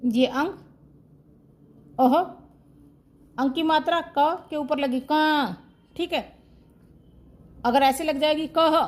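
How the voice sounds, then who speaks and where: A woman with a high, light voice teaching a grammar lesson online. She asks a question, answers it herself and goes over each term again, in the steady way of a classroom teacher. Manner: asks questions and answers them herself, repeats key terms.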